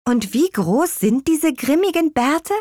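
A woman voicing an eager, curious girl in a children's audio story, pitched up from her narration. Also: lively intonation, slow, darkish tone, no echo, clean studio sound.

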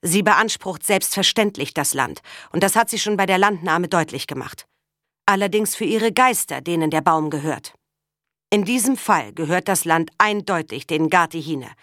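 A woman's voice: on the low side, lively intonation, moderate pace, a bit bright, no echo, studio quality. A woman reading the part of a firm, matter-of-fact man settling a land dispute.

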